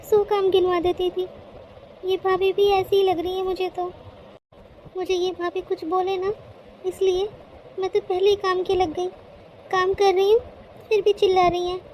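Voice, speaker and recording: A woman's voice: very high voice, a little mellow, a little hiss or hum. A woman voicing a timid, obliging young female student in a cartoon, pleading and grumbling to herself.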